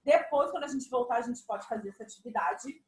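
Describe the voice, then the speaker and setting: A woman music teacher giving a patient, animated lesson to young children. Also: fairly high pitch, fairly quick, echoey room, rough recording. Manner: patient, animated explaining with examples.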